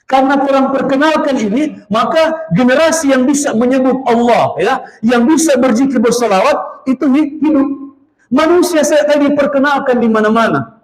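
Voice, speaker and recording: A man preaching a mosque sermon, telling stories straight to his listeners and drawing out chanted prayer phrases slowly. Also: very high-pitched. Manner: storytelling, addresses listeners directly, draws out chanted phrases slowly. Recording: echoey mosque hall.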